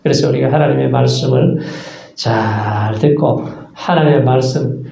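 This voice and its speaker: Gravelly-voiced pastor preaching in an echoey church. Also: male voice, medium pitch, moderate pace, warm tone. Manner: earnest preaching with rhetorical questions and acted-out asides. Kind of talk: sermon. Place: church sanctuary.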